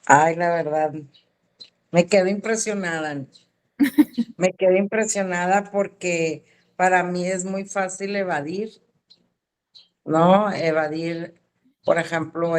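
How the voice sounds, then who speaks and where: Female student with a lowish voice, chatty, often ending her sentences with tag questions. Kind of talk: casual chat.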